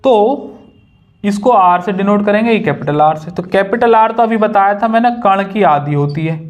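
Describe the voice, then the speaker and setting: A man's voice: high-pitched, animated, normal speed, highs cut off. A young man teaching a maths lesson at a whiteboard, chatty and casual, joking with his students.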